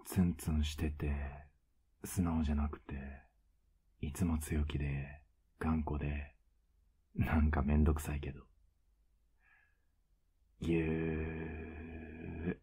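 Whispered role-play, male voice actor as a doting older boyfriend: husky, very low, flat and coaxing. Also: measured pace, long pauses, exaggerated voice. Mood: teasing tender. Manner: teasing, soft-spoken, coaxing.

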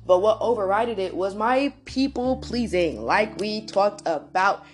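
A woman's voice: medium pitch, measured pace, soft background music. A young adult woman hosting, telling a personal story in a casual, emphatic way and speaking straight to her listeners. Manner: animated, emphatic, addresses listeners directly, swears. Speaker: host.

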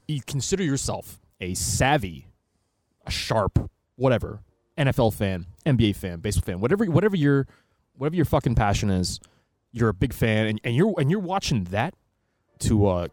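A man's voice: medium pitch, sing-song, moderate pace, darkish tone, no echo. A man co-hosting a casual talk podcast, talking in long, opinionated, profane stretches. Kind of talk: casual political and media chat.

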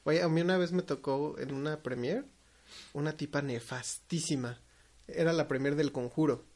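A young adult man with a Mexican accent, chatting casually and telling lively anecdotes with imitated voices. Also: on the high side, moderate pace. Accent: Mexican Spanish. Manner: animated storyteller, mimics voices in anecdotes. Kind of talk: casual podcast chat.

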